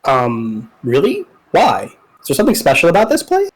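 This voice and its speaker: A man's voice: a little high, wildly swooping pitch, moderate pace, rough recording. A man voicing an earnest young mercenary commander, cautious but decisive, in a game read-aloud.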